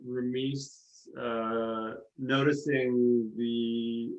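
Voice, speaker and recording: A man plays in a tabletop game and thinks aloud about his character's moves. He hesitates and fills gaps as he plans. His voice has an ordinary middle pitch. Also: flat delivery, very slow, lo-fi sound, background noise. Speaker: player.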